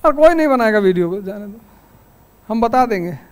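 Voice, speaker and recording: A male teacher, lecturing a class in a lively storytelling manner and turning stern about the class rules. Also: high voice, a little fast, smooth.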